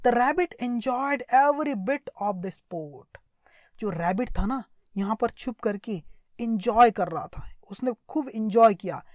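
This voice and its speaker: A woman English teacher with an Indian accent walks through a story line by line, translating and explaining words, repeating points, and checking understanding with small questions while reading sentences slowly. Her pitch is fairly high, her intonation lively, and her tone darkish, on a dry, clean studio recording.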